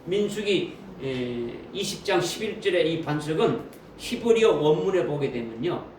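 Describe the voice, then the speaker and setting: A man's voice: a little high, expressive, normal speed, a little mellow. A man preaching a sermon as pastor, often asking the congregation questions and repeating key phrases. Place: church sanctuary. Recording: roomy echo from a distant mic with faint noise.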